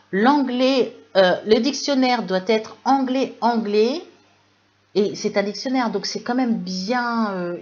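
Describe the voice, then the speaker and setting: A woman with a French accent teaching English in a live webinar, lively and full of fillers, reading chat questions aloud. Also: medium pitch. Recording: dull lo-fi webinar audio.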